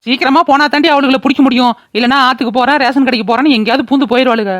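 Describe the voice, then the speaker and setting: A woman's voice: sits high, fairly even intonation, racing, no echo, close to an everyday voice. A woman voicing Sivakami, a bossy village mother. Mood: scolding. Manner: scolding, loud and bossy. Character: sharp-tongued older village mother, quarrelsome. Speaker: voice actor. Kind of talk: cartoon voice acting.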